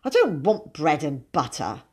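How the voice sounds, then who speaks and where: A woman's voice: low voice, sing-song, measured pace, darkish tone, slightly rough, heavily acted. A woman voicing a stubborn, cheeky schoolboy who argues in an aggrieved, petulant way. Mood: indignant.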